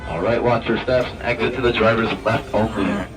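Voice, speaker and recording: A man working as a tram driver, giving firm, repetitive live instructions over a tram loudspeaker. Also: on the low side, fairly even intonation, a little fast, loud music behind the voice. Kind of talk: live public announcement. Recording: distant loudspeaker with heavy noise.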